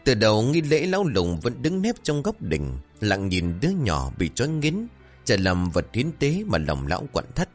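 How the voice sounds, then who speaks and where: A man narrating a horror story in a dramatic, expressive way. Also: lowish voice, normal speed, faint music behind.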